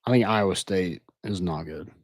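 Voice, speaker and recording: A man's voice: low voice, moderate pace, dry recording. A man co-hosting a podcast, chatting casually about college football and telling stories animatedly. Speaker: podcast co-host. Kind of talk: casual sports chat.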